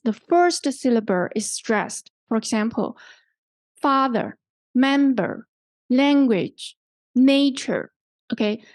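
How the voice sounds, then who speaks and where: Workshop instructor, woman, Hong Kong English accent, dry close sound, fills pauses with "okay". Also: on the high side, darkish tone, no room sound. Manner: halting, fills gaps with "like" and "okay". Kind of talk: teaching a live workshop.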